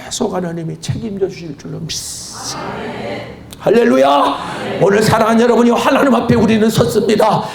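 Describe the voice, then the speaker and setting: A man preaching a sermon as a pastor, telling a story dramatically, acting out the voices and breaking into shouted praise. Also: sits high, fairly even intonation, quick pace, creaky, hardly any pauses, crowd noise. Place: church hall at a retreat.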